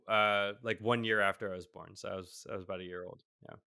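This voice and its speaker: A man's voice: fairly low pitch, steady tone, fast, creaky, sharp tone, smooth, no echo, clean studio sound. A man in his thirties from the Boston area, chatting casually as a guest on a video call, rambling with many fillers and self-deprecating laughs. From Boston area, USA. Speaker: guest, tech CTO. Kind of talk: casual interview. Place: home room, on a video call.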